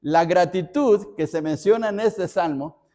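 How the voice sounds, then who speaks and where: A man's voice: high-pitched, measured pace, warm tone, big-room sound. A male pastor leading a Bible study, explaining step by step and repeating phrases for emphasis. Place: church.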